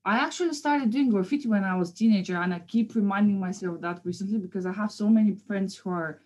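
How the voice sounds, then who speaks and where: Speaking fast in a mid-range, somewhat mellow voice, this woman is an interview guest, a painter from Bulgaria in her thirties. She has a Bulgarian accent and talks informally, with a bit of hesitancy, in a casual chat.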